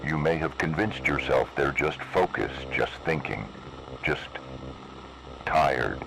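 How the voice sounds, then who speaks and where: An analog horror emergency warning is read by a man performing a full character voice: an extremely low, creaky, ominous announcer. He sounds stern and foreboding, grave, deliberate, and cryptic, with lively intonation, all carried on a lo-fi radio broadcast with faint noise.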